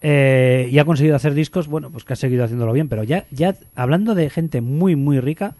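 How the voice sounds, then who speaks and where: Brief Man, radio music host, quick rambling chat, dry close sound. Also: medium pitch, mellow, no echo. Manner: rambling, thinks aloud, hedging. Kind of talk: casual chat.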